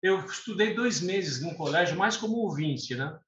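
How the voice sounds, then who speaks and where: Chatty man, bright voice. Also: high voice, expressive, normal speed. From Lebanon. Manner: chatty, laughs often, self-correcting. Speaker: guest. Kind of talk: casual interview chat. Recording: echoey room, dull lo-fi sound.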